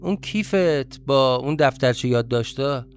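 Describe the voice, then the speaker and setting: A man's voice: mid-range voice, expressive, close to an everyday voice. A man voicing a kind, affectionate young woman who coaxes fondly, in a story reading. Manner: warm, coaxing, fond.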